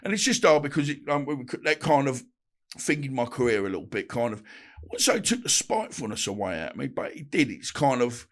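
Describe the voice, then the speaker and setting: Middle-aged man, guest on a chat show, halting rambling storyteller, mid-pitched voice. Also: sing-song. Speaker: guest, ex-boxer. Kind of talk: casual interview chat.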